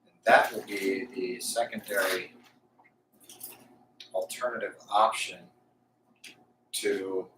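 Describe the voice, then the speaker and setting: A man live streaming casual, unscripted talk, thinking aloud haltingly as he tests a Bluetooth mic. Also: deep voice, fairly even intonation, a bit bright. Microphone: Bluetooth lapel mic. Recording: echoey, distant Bluetooth mic, faint noise.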